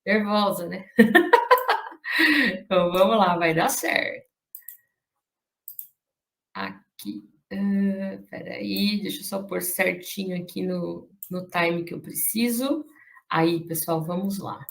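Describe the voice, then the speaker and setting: A woman's voice: fairly low pitch, slow, vocal fry, fairly bright tone. Chatty woman presenting a workshop. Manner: chatty, talks through what she is doing on screen. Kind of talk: casual online workshop talk. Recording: roomy echo.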